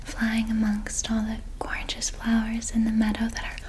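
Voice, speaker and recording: A woman whispers in a role-play as a gentle, nurturing flower fairy, her voice soft, breathy, soothing and unhurried. Her pitch sits on the high side, the delivery is completely flat, and there's background noise.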